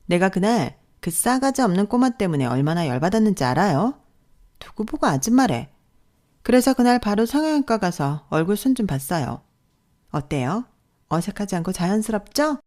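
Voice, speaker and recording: A woman doing a vain young wife with a sharp tongue, snippy and scornful in every word. The voice is pushed up higher than a plain speaking voice, as in a told story. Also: big pitch swings, moderate pace, close to an everyday voice. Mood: smug. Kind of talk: storytelling role-play.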